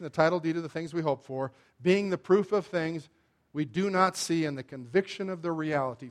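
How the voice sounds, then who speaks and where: A man preaching a sermon, asking the congregation for responses and swinging between loud emphatic lines and quiet asides. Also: sits high. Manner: call-and-response questions to the congregation.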